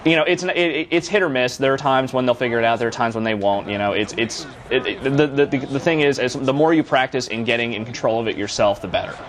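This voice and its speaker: A man's voice: medium pitch, fast, hardly any pauses, a little hiss or hum. A man reviewing a video game in a casual live broadcast, rambling with lots of restarts and repeated words.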